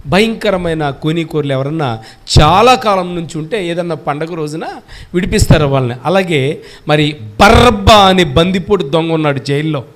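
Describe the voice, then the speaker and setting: A man with a high-pitched voice preaches a Good Friday sermon at a church service. He presses his listeners with question after question and calls on them to answer aloud, keeping an emphatic pulpit rhythm. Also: moderate pace, a bit bright. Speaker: pastor.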